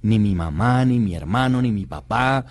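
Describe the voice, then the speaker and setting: A man's voice: fairly low pitch, expressive, moderate pace, no echo. Man, casual radio guest, easygoing joking storyteller. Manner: laid-back, joking storyteller. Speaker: guest actor.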